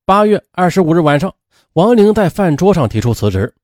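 A man's voice: sits high, sing-song, fairly quick, darkish tone, no room sound, studio quality. A man narrating a true-crime story in a chatty way, with frequent fillers.

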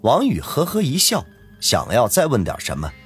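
A man's voice: mid-range voice, huge pitch swings, normal speed, slightly rough, faint music behind. A man narrating a serialized web novel in a dramatic storytelling manner. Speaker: audiobook narrator.

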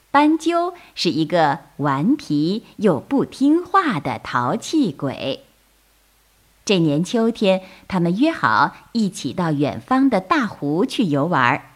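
A woman narrating a children's bedtime story, her gentle, coaxing voice drawing out each word slowly. Her pitch rises and falls in lively, sing-song waves. Soft music plays faintly behind her.

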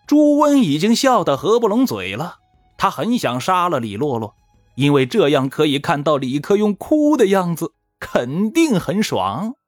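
A man narrating history in a lively, folksy storytelling manner, with dramatic pauses. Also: on the high side, no room sound, soft background music.

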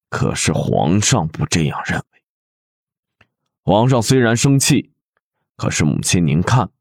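A man plays a ruthless prince in an audio drama, his voice low and deep yet swinging widely in pitch. He sneers coldly, close and dry. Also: no echo. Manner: sneering, cold. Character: cold, ruthless young prince.

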